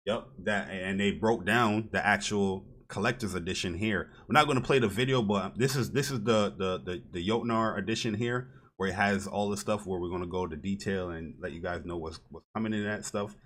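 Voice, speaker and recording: A man hosting a casual podcast, talking in a relaxed, hesitant way with many fillers. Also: on the low side, brisk.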